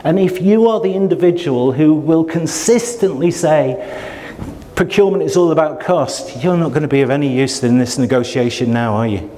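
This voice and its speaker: The recording has a long hall reverb as a procurement trainer lectures his room of trainees. Warm, a little high and at a moderate pace, he poses rhetorical questions and voices the lines of buyers and suppliers.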